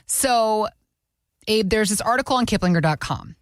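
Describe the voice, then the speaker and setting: A woman's voice: medium pitch, lively intonation, moderate pace, no room sound, clean studio sound. A woman co-hosting a finance podcast, reading and asking questions in an upbeat, chatty way with frequent affirming interjections. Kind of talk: casual podcast conversation.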